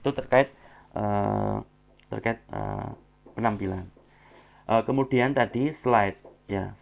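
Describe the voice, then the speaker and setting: A man's voice: on the low side, very animated, takes it slowly, gravelly, phone-quality sound. A man giving feedback on student presentations in a class, with many filler sounds and phrases ending in a tag word. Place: online class recording.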